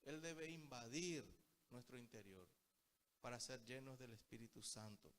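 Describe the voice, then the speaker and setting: A man's voice: medium pitch, unhurried, a bit bright, slight background noise. A man preaching a Bible study sermon, telling stories and often calling his listeners brothers. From Paraguay. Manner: storytelling, keeps addressing the listeners as brothers.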